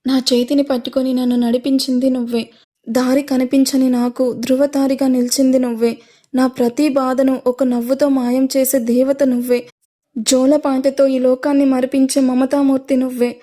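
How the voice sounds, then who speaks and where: Brief: young bride, tearful and pleading, fairly high mellow voice, read by a woman. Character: young tearful bride missing her mother.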